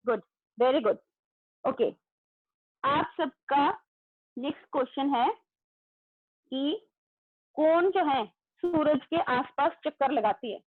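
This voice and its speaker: A woman school teacher giving an online class to young children. She talks loudly, calls out pupils' names and praises their answers. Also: sits high, takes it slowly, long pauses, no echo. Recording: tinny phone-like audio.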